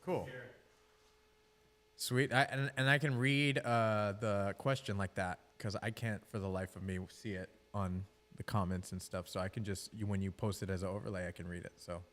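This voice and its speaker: A man's voice: fairly low pitch, steady tone, normal speed, a bit bright. A man hosting a casual call-in interview, talking in a laid-back, joking way into a room mic. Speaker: host. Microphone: room mic with reverb. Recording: long reverb from a room mic.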